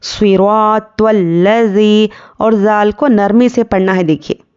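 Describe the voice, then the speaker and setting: Woman teaching recitation letter by letter, calm and drawn out, smooth voice, kinda dull lo-fi sound. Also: mid-range voice. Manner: patient, drawn-out syllable-by-syllable drilling with rhetorical questions. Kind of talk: tajweed lesson, spelling out letters and vowel marks slowly.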